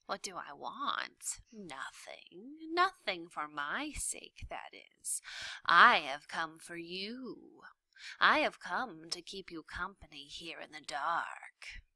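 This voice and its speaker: A woman reading aloud, voicing a sly, scheming male rat who speaks in a hushed, silky, drawn-out way. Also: on the low side, lively intonation, dry recording, full character voice.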